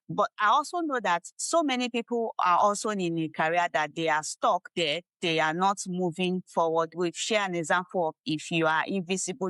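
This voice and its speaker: A woman hosts a podcast interview in a polite, formal manner. Her voice is smooth and clear at a middle pitch. The sound is dry and close to the mic. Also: fairly bright tone, no echo, rough recording. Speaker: podcast host. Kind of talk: interview hosting.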